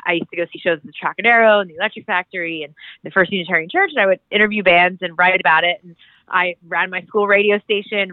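Stuffed up and nasal from a cold, a woman from the Philadelphia area talks through her career as a music publicist while a guest on a podcast. Her fairly low voice comes over a tinny, phone-like line with no room sound, and she rambles chattily with fillers and restarts.

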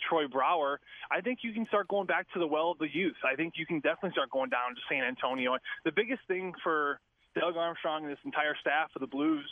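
Male phone-in guest analyst, fast and eager, slightly high voice, tinny line. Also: dry recording. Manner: rapid, eager, with many fillers. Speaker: former player as guest analyst. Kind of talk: sports radio analysis.

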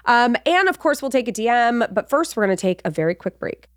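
A woman's voice: on the high side, sing-song, fairly quick, dry recording, studio quality. An American woman with a slightly stuffy nose from a cold, chatting casually as a podcast co-host. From Los Angeles, United States.

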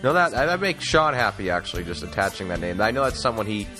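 Over background music, a male podcast host with a lowish voice talks fast, his pitch swinging widely. His sports talk interviewing and sign-off come in a wordy, emphatic announcer manner.

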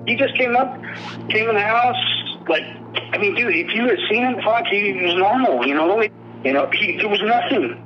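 A man's voice: high voice, expressive, moderate pace, dull audio, slight background noise. Rambling, swearing middle-aged man. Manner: rambling, profane, emphatic. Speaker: father of the suspect, interviewee.

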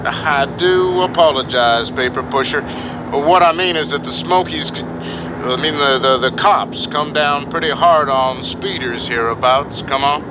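A slangy trucker over CB radio. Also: male voice, on the high side, a little slow. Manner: heavy CB trucker slang, ends turns with "come on". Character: cryptic male trucker on the CB. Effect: heard over a CB radio. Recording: CB radio voice with loud engine noise.

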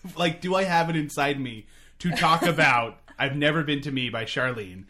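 A man hosting a podcast in casual, comedic chat, with a halting delivery that often repeats words. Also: a little high, pushed and bright, dry recording. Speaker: podcast host.

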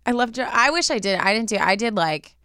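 A young woman co-hosting a podcast, chatting casually in an excitable, bubbly, colloquial way. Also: a little high, a little fast, clear, resonant tone, dry recording, clean studio sound. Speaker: podcast co-host. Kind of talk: casual chat.

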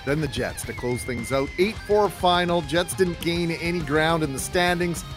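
A man's voice: on the high side, moderate pace. Male sports radio host over music. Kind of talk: scripted sports recap.

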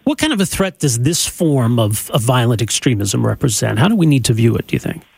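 A man hosts a talk radio program in a measured, earnest tone. His voice is slightly husky and is recorded dry on a close studio mic. He often repeats words as he works his way into a question. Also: mid-range voice, big pitch swings, a little mellow, no room sound. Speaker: radio talk show host. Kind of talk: radio talk show commentary. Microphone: studio microphone.

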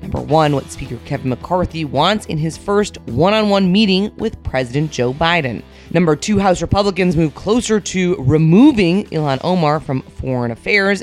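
A woman co-hosting a political news podcast, reading the headlines briskly and then chatting casually. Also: low voice, dry recording. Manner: brisk, upbeat presenter delivery. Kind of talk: scripted news intro and casual chat.

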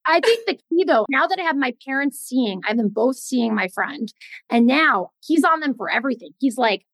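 A woman cardiologist in casual podcast chat, telling stories in an animated way with many fillers. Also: sits high, normal speed, no room sound. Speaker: cardiologist guest.

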